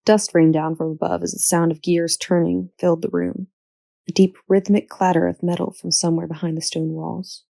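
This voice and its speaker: A woman's voice: on the low side, level tone, normal speed, vocal fry, mellow, low-quality recording. A woman narrating a horror audiobook with tense, dramatic storytelling. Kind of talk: scripted narration.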